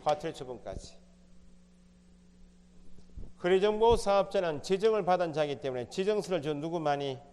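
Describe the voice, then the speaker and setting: A man's voice: fairly high pitch, lively intonation, moderate pace, pauses often, darkish tone, clean tone, long reverb tail. A man teaching an exam prep lecture, asking the class questions and answering them himself. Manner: quizzing, asks and answers his own questions. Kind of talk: recorded lecture.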